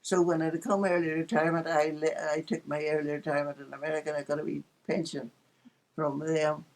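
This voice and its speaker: Recalling her life in easygoing conversation, an elderly Northern Irish woman in her eighties spins stories with a dry, playful wit. She speaks a little fast in a level, slightly mellow voice that sits low for a woman.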